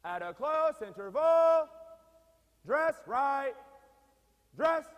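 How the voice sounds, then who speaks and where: A man shouting drawn out military drill commands as a parade commander, stretching out the syllables. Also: extremely high pitch, very animated, extremely slow. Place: large indoor drill hall. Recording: dull recording in a cavernous reverberant hall.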